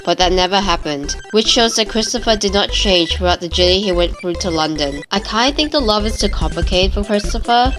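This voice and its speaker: A woman's voice: medium pitch, fairly quick, hardly any pauses, fairly bright tone, faint music behind. A young woman arguing her points in an informal book debate, reasoning through examples. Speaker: student debater.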